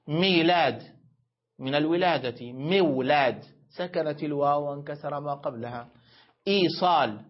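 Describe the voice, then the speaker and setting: In this classroom grammar lesson, a man whose voice sits on the high side walks through each point step by step, asking questions and supplying the answers himself. When he spells out forms, he draws the words out slowly. The lo-fi lecture audio sounds dull.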